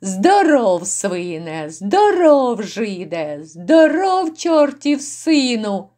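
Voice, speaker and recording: A woman's voice: on the high side, sing-song, drawn-out words, full character voice. A woman voicing rowdy, brutal drunken noblemen who jeer and bark orders. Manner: gruff, jeering shouts.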